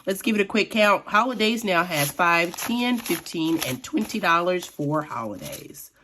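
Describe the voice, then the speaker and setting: A middle-aged woman with a raspy voice, chatting casually as she counts cash out loud. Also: on the low side, animated, a little slow, slight background noise. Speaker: budgeting vlogger. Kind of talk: casual vlog narration.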